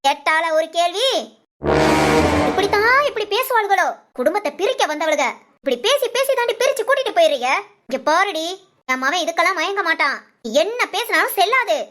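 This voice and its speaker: A woman's voice: very high-pitched, sing-song, fairly quick, a bit bright, heavily acted. A woman voicing a bossy, scheming older mother-in-law in a cartoon, nagging and scolding, with Tamil village speech. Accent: Tamil Nadu village speech.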